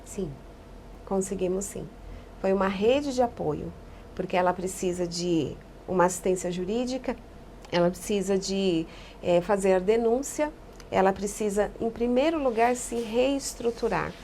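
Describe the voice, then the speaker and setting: A woman psychologist giving calm, explanatory answers in a podcast interview, often echoing key phrases. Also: mid-range voice, moderate pace, a little hiss or hum.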